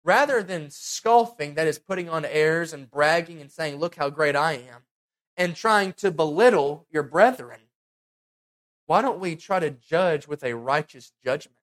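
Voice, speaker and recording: A young man preaching a sermon, earnest and animated, acting out the quotes he reads. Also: a little high, measured pace. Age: young adult. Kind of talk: sermon, Bible teaching.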